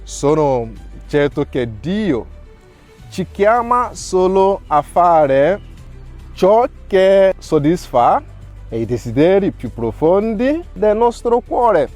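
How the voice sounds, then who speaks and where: Man, priest, 30s, slightly high voice, very slow, earnest testimony. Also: sing-song, a little mellow, faint music behind. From Nigeria. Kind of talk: reading a prepared testimony.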